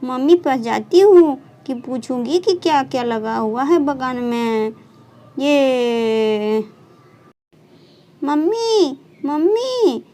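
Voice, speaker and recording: A woman's voice: high-pitched, mellow. A woman playing an eager, stubborn little girl. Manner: eager, pleading and whiny.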